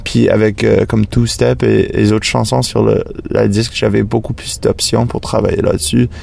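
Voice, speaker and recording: Gravelly man with English-accented French. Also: fairly low pitch, level tone, a little mellow. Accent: English-speaking foreign accent in French. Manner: halting, searching for words, non-native grammar. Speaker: musician being interviewed. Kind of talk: casual interview chat.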